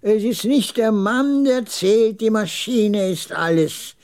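A man playing a proud old camel dealer in a radio story, his voice jagged and raspy like a worn blade, pitched high above a reading voice. He speaks in curt, mocking phrases with a lofty swing to the pitch, looking down on everyone around him. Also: lively intonation, slow pace, a little mellow, exaggerated voice. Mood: resigned.

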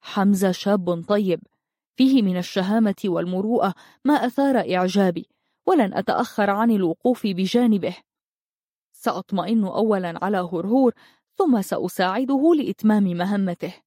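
Soft heartfelt young guy from a storybook, a woman reading him, mellow and dry. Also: medium pitch, brisk, dry recording, lightly acted. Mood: confident. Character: gentle lonely young Nubian man.

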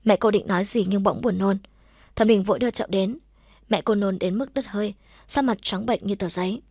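A woman narrating a story for an audiobook in a steady, even reading. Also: mid-range voice, brisk, husky, no echo, clean studio sound.

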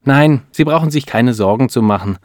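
A man's voice: medium pitch, normal speed, dry recording, pitched above the performer's own voice, lightly acted. Earnest woman doctor in a storybook reading, a man raising his voice for her, serious and careful, dry close sound. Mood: reassuring. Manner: earnest, hesitant when delivering bad news. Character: serious middle-aged female lab doctor.

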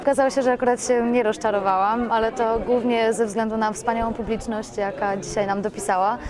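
Interviewed on the spot at a public event, a woman who produces radio plays talks effusively and rambles, frequently correcting herself mid-sentence. Her voice is on the high side, brisk and fairly even in intonation, with busy crowd chatter behind her.

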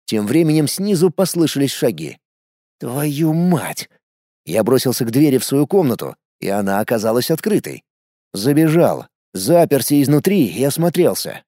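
Guy narrating an audiobook, lively and animated, slightly high, dark mellow tone, dry close mic. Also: fairly quick, no room sound. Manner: lively storytelling with shouted character lines. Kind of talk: first-person audiobook narration.

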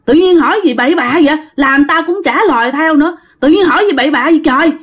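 A woman's voice: mid-range voice, sing-song, moderate pace, close to an everyday voice. A woman voicing a frightened young man with a Southern Vietnamese accent, scolding his friends in exasperation.

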